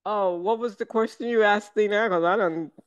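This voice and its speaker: An older woman from the American South, a guest chatting over a video call, talking slowly and wandering with many fillers and restarts. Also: mid-range voice, clear, resonant tone, no room sound, highs cut off. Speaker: guest, syrup maker.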